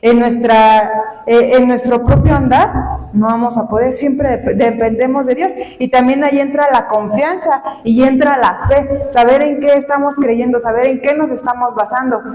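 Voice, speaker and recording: A woman's voice: high voice, fairly even intonation, moderate pace, a little mellow. A woman teaching a church Bible class who explains each point, repeats herself and checks that her listeners follow. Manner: spells out words letter by letter. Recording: echoey hall.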